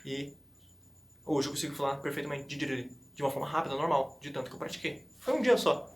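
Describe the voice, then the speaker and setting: A man's voice: on the high side, animated, fast talker. A man giving a casual, motivational lesson on learning English, emphatic and repetitive, with slangy asides. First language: Portuguese. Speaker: language learning youtuber.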